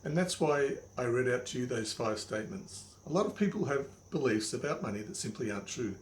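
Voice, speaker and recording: Older male, wise elder mentor type for motivational instruction. Didactic, plain-spoken, mid-range pitch, recorded in an echoey room. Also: lively intonation, brisk. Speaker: money coach, presenter. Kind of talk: motivational instructional monologue to the viewer. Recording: echoey room, faint background noise.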